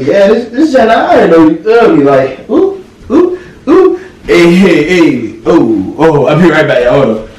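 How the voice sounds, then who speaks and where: A man's voice: mid-range voice, a little mellow, distant mic. Slangy young man vlogging off-mic. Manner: slangy, laid-back, keeps asking "you feel me". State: out of breath. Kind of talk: casual haul vlog. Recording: echoey room, off-mic, faint hiss.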